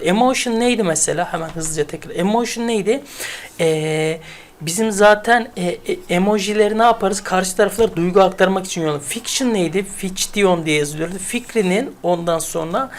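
Woman tutor, fry-tinged voice, loose and repetitive, talking straight to students. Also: on the low side. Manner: chatty, repeats words, builds memory tricks. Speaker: English vocabulary teacher. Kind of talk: casual spoken lesson.

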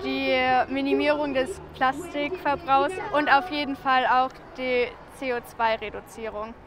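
A young woman, a climate protester, speaking in a measured way in an outdoor street interview. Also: sits high, steady tone, over music. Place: large plaza outdoors.

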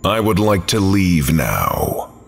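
A man reading a cryptic hazmat-suited humanoid entity, low voice, grave, slow and clipped. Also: very animated, creaky, soft background music, heavily acted. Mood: solemn.

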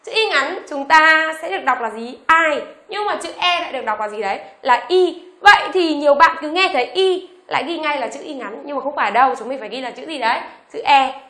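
A woman teaching an online beginners' lesson, asking the class questions and reading each letter slowly for them to repeat. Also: high voice, lively intonation, sharp tone, roomy sound. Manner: asks the class rhetorical questions; reads letters aloud slowly for repetition. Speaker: English teacher.

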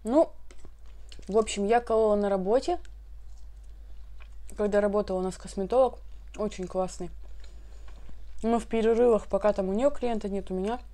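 A woman's voice: mid-range voice, normal speed, long pauses, mellow. Chatty woman talking while chewing. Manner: chatty, colloquial, answers viewer questions. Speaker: mukbang vlogger. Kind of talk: casual chat while eating.

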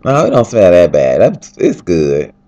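A man with a deep, low voice talks straight into a handheld flip camera while lying in bed. He sounds freshly woken and tired, but he keeps his casual video diary chatty and upbeat, rambling from one thing to the next. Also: wildly swooping pitch, unhurried, mellow, lo-fi sound. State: tired, just woke up. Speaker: fashion designer.

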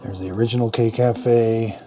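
A man's voice: lowish voice, steady tone, moderate pace, background noise. A middle-aged man giving a casual hands-on product demo in his home kitchen, thinking aloud in a plain-spoken way as he works. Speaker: product reviewer.

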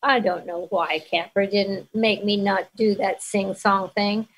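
A woman's voice: mid-range voice, fairly even intonation, unhurried, breathy edge, low-quality recording. An older woman reminisces as an interview guest. She tells her stories in a chatty way and laughs easily between lines. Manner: warm storyteller, laughs often. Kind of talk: reminiscing conversation.

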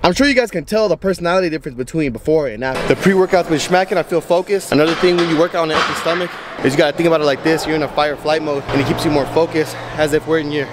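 A man's voice: on the high side, rapid-fire, few pauses, background noise. A man in his twenties talking casually to a handheld camera, hyped and slangy, swearing freely about workouts. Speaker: fitness vlogger. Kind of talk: casual vlog talk. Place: car, gym and home.

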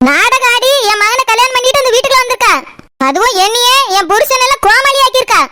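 A woman voicing a resentful middle-aged mother-in-law in a cartoon, speaking in a Tirunelveli Tamil accent with fast, accusing tirades. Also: very high-pitched, background noise. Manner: accusing, rapid angry tirades.

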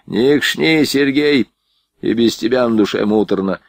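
A man voicing a gruff, hot-tempered male army lieutenant who roars threats at his soldiers. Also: mid-range voice, measured pace, dry recording, clean studio sound. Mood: angry. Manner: roaring, threatening.

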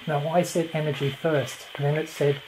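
Low-voiced woman questioning spirits. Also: level tone, moderate pace, noisy background. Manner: short, spaced-out questions and remarks. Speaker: paranormal investigator running a spirit box session. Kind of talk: slow questioning addressed to spirits. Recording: radio sweep sound behind the voice.

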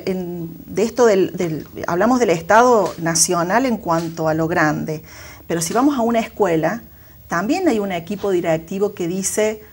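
Argentine woman, school director type; measured, reflective, restarts often. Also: fairly low pitch, a little mellow, slightly rough. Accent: Argentine Spanish. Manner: thoughtful, many fillers and restarts. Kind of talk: reflective interview answers.

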